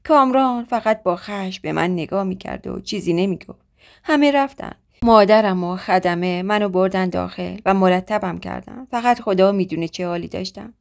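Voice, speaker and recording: A woman's voice: medium pitch, vocal fry. A woman storyteller narrating a true-life tale in the first person, with a dramatic, emotional reading.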